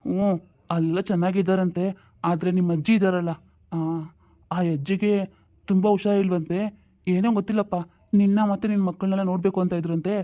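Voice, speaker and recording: A woman doing a low, casual husband. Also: flat delivery, a little fast, pauses often, muffled recording, lightly acted. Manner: casual, matter-of-fact, dropped into a low register. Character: grown man, husband, easygoing and brisk. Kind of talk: home-made family drama.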